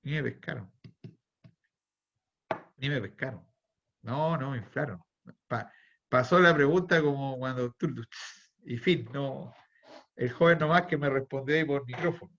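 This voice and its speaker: A man's voice: medium pitch, measured pace, long pauses, fairly bright tone, highs cut off. A man with a Chilean accent teaching a university math class online, thinking aloud, restarting phrases and quizzing his students. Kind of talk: online lecture.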